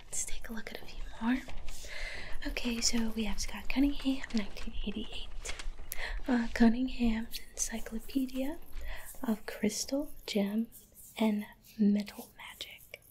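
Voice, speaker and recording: Slow, whispering young woman in librarian role-play. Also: a little high, fairly even intonation, a little hiss or hum, poor audio. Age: young adult. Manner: soft, hesitant, unhurried. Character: polite, attentive female librarian recommending books. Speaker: ASMR performer playing a librarian.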